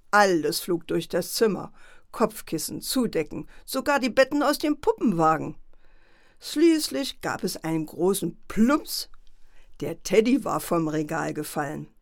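A woman reads a children's story aloud at a slow, unhurried pace. Her pitch swings widely as she brings the tale to life. The recording is dry and close. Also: dry recording. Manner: expressive, animated reading.

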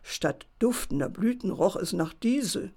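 A woman reads a children's bedtime story in a calm, measured way. Her voice is mid-pitched with a gravelly edge.

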